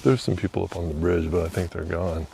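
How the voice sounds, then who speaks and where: A man vlogging as he walks outdoors beside a river under an old bridge, musing quietly and thinking aloud with fillers. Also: low-pitched, little pitch movement, brisk, vocal fry, slight background noise. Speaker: vlogger exploring historic sites. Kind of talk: casual walking narration.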